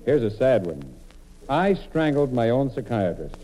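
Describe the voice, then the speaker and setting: A comedian and monologist delivers a scripted, mock-earnest comic story on old-time radio, heard through a noisy old broadcast recording. The man's mid-range voice is mellow and very animated, moving at a measured pace.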